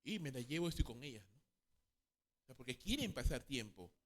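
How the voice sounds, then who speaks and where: Leading a Bible counseling class at church, a man tags his sentences with a questioning "no?", repeats key phrases, and acts out quoted parents and children. His mid-range voice is sing-song, fairly quick, and fairly bright.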